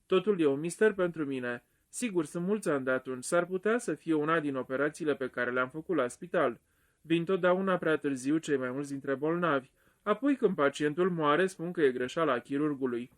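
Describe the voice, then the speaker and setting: A man's voice: a little high, natural voice. A man voicing a composed, evasive male doctor in an audiobook. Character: smooth middle-aged male doctor, self-possessed.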